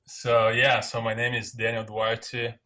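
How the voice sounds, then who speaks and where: A man from Brazil, a guitarist and music teacher, introducing himself haltingly with many fillers on a video call. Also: medium pitch, completely flat delivery, bright, forceful tone, a little hiss or hum. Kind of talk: casual self-introduction.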